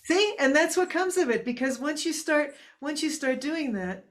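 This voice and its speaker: A woman with a fairly high voice hosts a meeting over a video call. She is chatty and laughs easily, and she keeps drawing the others in. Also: lively intonation, normal speed. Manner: chatty, laughs often, asks others to speak. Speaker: meeting host. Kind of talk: casual video call talk.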